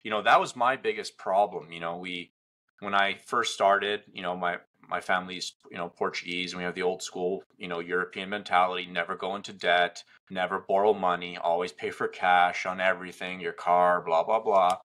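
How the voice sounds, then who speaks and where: Male host, low voice with a bright edge, rambling and animated. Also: normal speed. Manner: animated, filler-heavy storytelling. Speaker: podcast host, equipment seller. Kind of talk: casual business chat.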